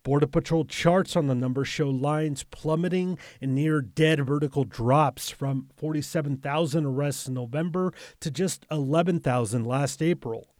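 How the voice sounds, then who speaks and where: A reporter narrating a scripted news story in a measured, descriptive way. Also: male voice, a little high, darkish tone, no room sound.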